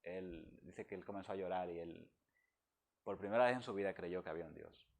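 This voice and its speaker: A man's voice: low-pitched, brisk, gravelly, darkish tone. A man from the Dominican Republic, speaking as a guest and giving an emotional personal testimony in an earnest, heartfelt way.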